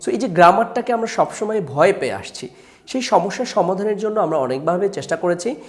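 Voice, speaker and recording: A man's voice: high voice, expressive, a little fast. Earnest Bangladeshi man promoting his book. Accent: Bangladeshi Bengali. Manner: earnest, lists topics with frequent hesitations. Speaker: author presenting his grammar book. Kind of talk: promotional talk to camera.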